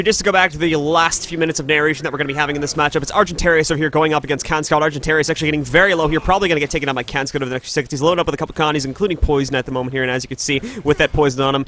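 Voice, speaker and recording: A man casting an esports match, giving brisk play-by-play and announcements to viewers. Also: on the high side, a bit bright. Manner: rapid, announcer-like hype. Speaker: esports caster. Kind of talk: play-by-play commentary.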